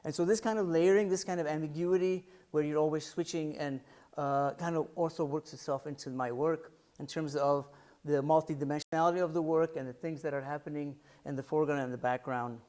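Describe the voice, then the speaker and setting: Fairly quick and steady in tone, this middle-aged American man's voice is on the high side with a darkish quality. Giving an artist talk on his photographs at a library art center, he is thoughtful, hunts for words, and keeps restarting and using fillers.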